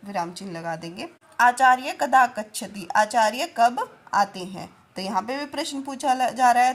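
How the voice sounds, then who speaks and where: A woman's voice: a little high, breathy edge. Woman teacher explaining Sanskrit grammar. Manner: reads Sanskrit lines, then explains them.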